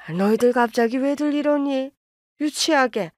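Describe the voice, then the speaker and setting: Lady doing a snippy older mother-in-law who favors her eldest, kinda high voice, dry sound. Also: moderate pace, dry recording, lightly acted. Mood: dismissive. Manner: brushing off, self-justifying.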